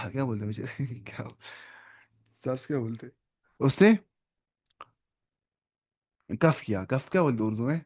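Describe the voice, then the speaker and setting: A man's voice: mid-range voice, lively intonation, normal speed, long pauses, a little mellow. A man with an Urdu-speaking accent teaching an online Arabic lesson, thinking aloud, looking up words and correcting himself as he goes.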